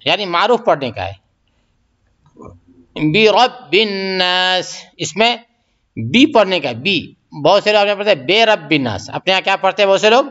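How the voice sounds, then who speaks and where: Bright-voiced man teaching Quran pronunciation. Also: sits high, sing-song. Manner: explains slowly, repeats sounds to correct pronunciation. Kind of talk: tajweed lesson with recitation examples. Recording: muffled lo-fi audio.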